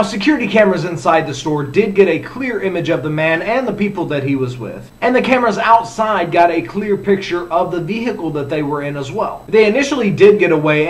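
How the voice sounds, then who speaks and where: A man with a noticeably high voice hosts a comedic news roundup. He reads out strange headlines in a casual, sarcastic way. He keeps dropping jokey asides between the facts. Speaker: news show host. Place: lives in Orlando.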